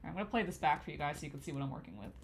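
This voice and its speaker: A woman's voice: low-pitched, very animated, racing, very noisy. A woman in her thirties giving easygoing life advice to viewers while she animates on a live stream, reading their comments aloud. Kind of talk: casual livestream chat answering viewers.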